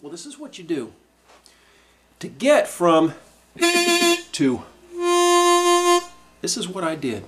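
A middle-aged man teaching a harmonica lesson, explaining in a calm, reflective way with frequent restarts. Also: fairly high pitch, takes it slowly, long pauses, over loud music. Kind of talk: instructional video lesson.

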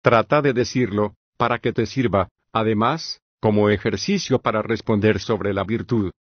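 Husky-voiced Socrates, read by a man. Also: on the low side, no room sound, muffled recording, lightly acted. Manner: measured, even reading with long reasoned questions. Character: Socrates, older male philosopher, patient questioner. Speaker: audiobook reader. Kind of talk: scripted audiobook reading of a philosophical dialogue.

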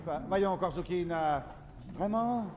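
An actor playing a swaggering, mocking exiled general in a live stage comedy, teasing and bursting into shouts. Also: male voice, high-pitched, takes it slowly. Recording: echoey theater hall with audience.

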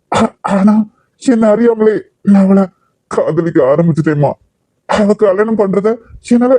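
A mournful young man in a cartoon, voiced by a performer, halting and stammering. His tone is mellow and dark, and it is recorded close and dry. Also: medium pitch, dry recording, lightly acted. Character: heartbroken young man in unspoken love. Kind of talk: cartoon voice acting.

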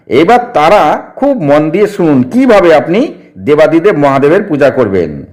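A man giving step-by-step instructions for a home ritual, reciting mantras slowly and deliberately. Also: sits high, a little mellow. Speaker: religious instructor.

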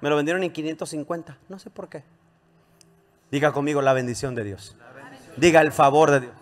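High-voiced preaching pastor, emphatic. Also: male voice, a little fast. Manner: preaching with call-and-response, rising emphatic questions. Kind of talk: sermon.

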